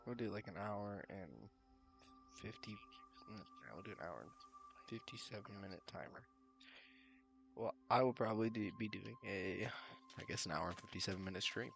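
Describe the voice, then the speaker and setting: A man chatting casually while streaming a building game, relaxed and rambling, his voice slightly worn. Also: lowish voice, moderate pace, vocal fry, pauses often, a little hiss or hum. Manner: relaxed, rambling, laughs softly to himself. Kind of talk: casual live-stream chat. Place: at home late at night. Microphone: desk mic with cord.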